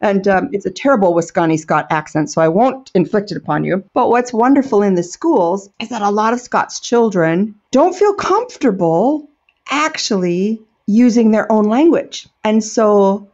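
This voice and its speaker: A woman's voice: mid-range voice, expressive, moderate pace, a little mellow. American woman, earnest storyteller, lo-fi sound. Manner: earnest, enthusiastic, reflective. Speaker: storyteller and educator. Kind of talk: interview answers.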